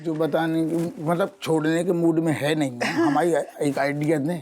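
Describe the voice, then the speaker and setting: A man's voice: fairly high pitch, normal speed, darkish tone, slight background noise, lightly acted. A man playing a bumbling constable. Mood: comic. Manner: rustic, cajoling, comic. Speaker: police constable. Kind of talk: sitcom acting.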